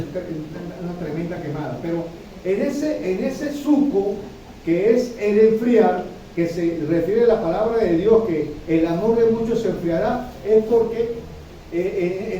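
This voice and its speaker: High-voiced man preaching in an echoey room. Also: distant mic, background noise. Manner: repetitive, addresses listeners with frequent "¿sí?". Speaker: pastor. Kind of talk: sermon. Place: church hall.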